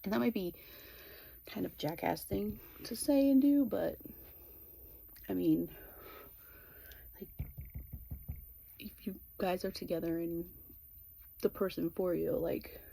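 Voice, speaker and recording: A middle-aged woman in a casual, confessional chat to viewers, candid and rambling, with halting, trailing pauses. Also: on the low side, gravelly, dark tone, slight background noise. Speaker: vlogger.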